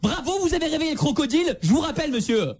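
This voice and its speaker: Chaotic tenant, fast-talking and stammering, lively pitch, prank call role-play, put on by a male host. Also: very noisy. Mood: exasperated. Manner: yelling at kids mid-call, rambling, stammering. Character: chaotic male tenant crammed in with family and pets.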